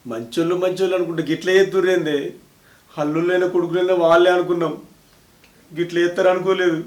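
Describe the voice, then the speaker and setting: A reproachful village father with a Telangana accent, acted by a middle-aged man. He talks very fast in a fairly high voice. The sound comes from an echoing room. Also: fairly even intonation, natural voice. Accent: Telangana Telugu. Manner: reproachful, pleading.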